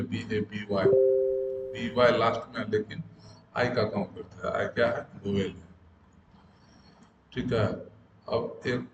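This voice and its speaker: Male grammar teacher, patient step-by-step delivery, echoey room with clear background hiss. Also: lowish voice, dull audio. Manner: explains step by step, repeats terms slowly, asks rhetorical questions. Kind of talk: classroom-style grammar lesson.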